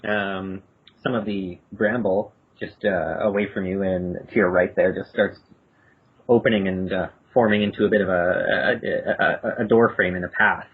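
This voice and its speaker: A man narrating a tabletop game as game master, halting and repeating words as he describes the scene. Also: deep voice, steady tone, husky. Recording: tinny phone-like podcast audio.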